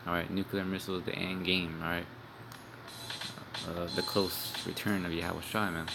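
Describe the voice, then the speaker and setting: Low in pitch and level in tone, this young male street preacher speaks at normal speed with a creak in his voice. His rambling video sermon is informal, profane, and blunt, peppered with "man" and "all right," and music plays behind.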